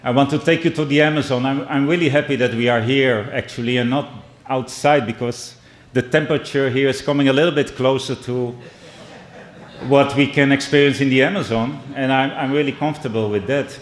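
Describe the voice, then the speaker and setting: A man's voice: mid-range voice, steady tone. Dutch-born man with a Brazilian-tinged accent, giving a keynote. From Netherlands. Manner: measured, with frequent restarts and pauses. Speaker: keynote speaker. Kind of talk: keynote speech with storytelling. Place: indoor conference hall. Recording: echoey hall.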